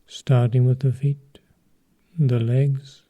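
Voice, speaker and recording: Calm and measured, a man with a medium pitch leads a guided meditation as its teacher. He uses short phrases and leaves long pauses.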